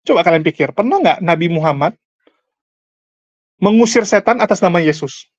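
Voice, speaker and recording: A man's voice: high-pitched, expressive, normal speed, no room sound. A man giving argumentative online commentary on a religious dispute, talking straight to his audience and pressing them with rhetorical questions. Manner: combative, fires rhetorical questions at listeners; addresses the audience directly and repeatedly. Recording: dull lo-fi, dry close sound.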